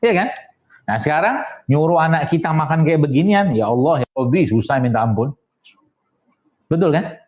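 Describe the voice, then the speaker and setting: A man gives a religious health talk to an audience. He speaks in a fairly high voice, chatty and joking, with little sound effects and asides. The recording sounds dull and lo-fi. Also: lively intonation, normal speed, long pauses, darkish tone. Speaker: preacher and doctor giving a health talk.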